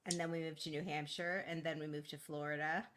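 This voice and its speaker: A woman's voice: low voice, flat delivery, a little fast, slight background noise. Chatty woman telling her story candidly. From East Boston, Massachusetts. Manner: candid and chatty, frequent fillers and laughs. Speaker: guest. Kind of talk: casual interview.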